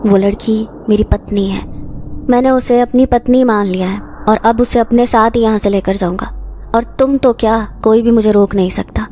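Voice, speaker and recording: A woman voicing a possessive male jinn who speaks in a heavy, slow, commanding tone. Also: fairly high pitch, steady tone, dark tone, slight background noise, natural voice. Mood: menacing.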